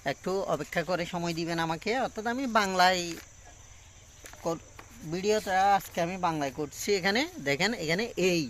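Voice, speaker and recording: A man giving a casual pronunciation lesson on a phone front camera, talking slowly and repeating each word with many fillers. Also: sits high, a bit bright, a little hiss or hum. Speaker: English pronunciation teacher. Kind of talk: casual self-recorded lesson.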